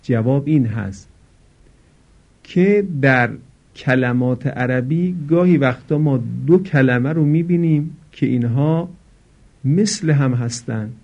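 Man teaching careful prayer recitation, dull recording. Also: medium pitch. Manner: explanatory, stresses example words with slow careful emphasis. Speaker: religious teacher. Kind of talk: instructional talk on prayer recitation.

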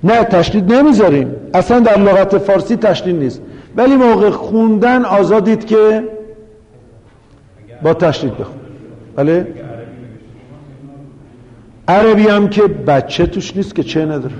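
A man's voice: high-pitched, pauses often, dark tone. A man with a Yazdi Persian accent teaching a class about spelling and pronunciation, who explains step by step and asks the students questions before answering them. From Yazd, Iran. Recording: dull recording with long room reverb.

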